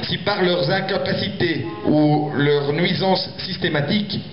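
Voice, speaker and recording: A man's voice: on the high side, measured pace, crowd noise. A man representing a project at a public meeting, arguing persuasively in an insistent, explanatory way. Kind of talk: spontaneous persuasive address. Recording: echoey, muffled hall with audience noise.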